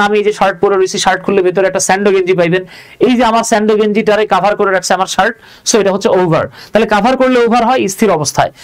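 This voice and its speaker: A man teaching English grammar in a chatty live online lesson, joking about himself and reading out viewer comments. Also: sits high.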